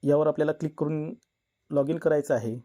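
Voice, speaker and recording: A man narrating a step-by-step software tutorial in a plain instructional manner. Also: on the high side, steady tone, a little fast, no room sound. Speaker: tutorial presenter. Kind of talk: screen-recorded software tutorial.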